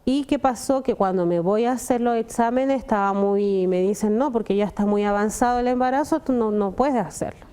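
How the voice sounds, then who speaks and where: A woman's voice: a little high, fairly quick, few pauses, dark tone, smooth. A young adult woman, giving an earnest personal testimony and often addressing the pastor. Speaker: testimony guest.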